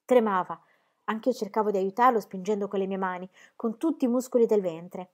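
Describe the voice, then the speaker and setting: A woman's voice: mid-range voice, fairly quick. Woman narrating a novel in first person. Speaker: audiobook narrator.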